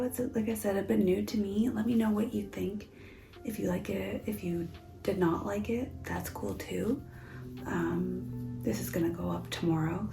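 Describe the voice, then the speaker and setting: Softly half-whispering woman, gravelly tone. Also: medium pitch, reverberant, poor audio. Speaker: crafting vlogger. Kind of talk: casual chat. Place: home, indoors.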